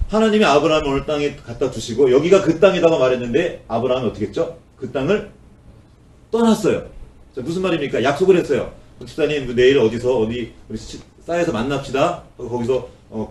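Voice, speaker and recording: Korean pastor preaching in an echoey church. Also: male voice, lively intonation, brisk, darkish tone. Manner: acts out complaining voices with rising pitch. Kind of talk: sermon. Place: church sanctuary. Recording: roomy church sound, voice from a distance.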